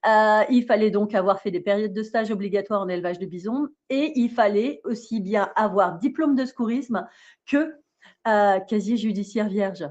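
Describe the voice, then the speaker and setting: A woman's voice: medium pitch, moderate pace, a little mellow. Woman bison farmer on lo-fi audio. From Australia. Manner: explanatory, detailed, laughs easily. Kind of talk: casual interview talk. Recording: dull lo-fi sound.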